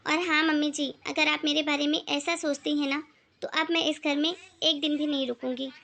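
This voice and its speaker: A young daughter-in-law from a poor family defends her dignity in a bright, high cartoon voice that holds steady and flat, as a woman voices her. She is earnest and self-respecting. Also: moderate pace. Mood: firm.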